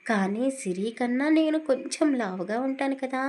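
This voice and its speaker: A woman's voice: sits high, animated, normal speed, a little mellow. A woman storyteller narrating a romantic audio story, acting out the dialogue expressively.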